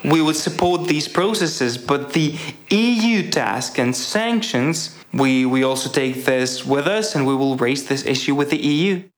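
A man speaking as an interpreter, giving a live translation voice-over in a halting, measured way with small restarts. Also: fairly high pitch, lively intonation.

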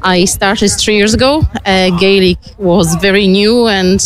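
A woman's voice: mid-range voice, measured pace, a crowd in the background. Polish-accented woman chatting enthusiastically. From Poland. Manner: enthusiastic, informal speech. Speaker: interviewee. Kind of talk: casual interview.

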